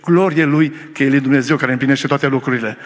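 A male pastor preaching a sermon to his congregation, telling a story with fervent conviction. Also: mid-range voice. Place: church hall during a service. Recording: long reverb of a church hall.

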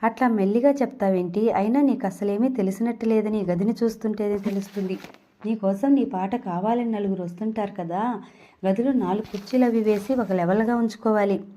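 A woman's voice: medium pitch, a little fast, dark tone, close to an everyday voice. A woman reading the part of a nosy, overfamiliar middle-aged landlord who pries with fake politeness, in an audio novel. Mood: prying. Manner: prying and overfamiliar.

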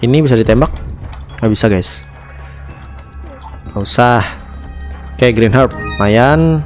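Young male Indonesian game streamer, mid-pitched, chatty and repetitive, headset mic, music underneath. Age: young adult. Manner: chatty, repeats words in quick strings. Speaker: gaming streamer. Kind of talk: casual gameplay commentary. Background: video game music.

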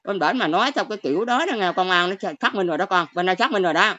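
An older woman with a Southern Vietnamese accent hosts a livestream rant, talking fast and scolding viewers with exclamation after exclamation. Her mid-range voice is lively in intonation and a bit bright. The audio is dull and lo-fi with a little hiss or hum.

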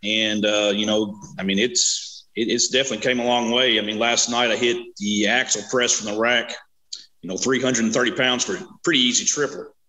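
A man in his thirties from Kentucky, speaking as a guest on a video-call interview in a relaxed way, full of "you know" and "uh". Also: medium pitch, brisk, rough recording. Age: 30s. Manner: easygoing, many fillers like "you know" and "uh". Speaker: interview guest, strongman competitor. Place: small home room. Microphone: webcam on video call.

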